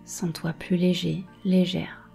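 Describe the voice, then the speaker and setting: A woman guiding a meditation softly and slowly, close in your ear, with a breathy voice that often slips toward a whisper. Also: lowish voice, level tone, soft background music. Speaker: meditation and hypnosis guide. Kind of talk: guided meditation, soft and slow.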